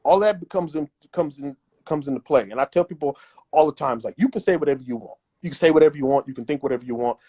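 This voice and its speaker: A man's voice: fairly high pitch, fast, mellow, husky. A man as an interview guest giving emphatic, repetitive advice in a casual chat. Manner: emphatic and repetitive, acts out imagined voices.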